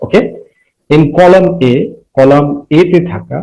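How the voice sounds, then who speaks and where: A man teaching a primary school English lesson, reading each phrase slowly and translating it line by line. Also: fairly high pitch, creaky, dark tone, poor audio. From Bangladesh. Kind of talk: bilingual classroom lesson.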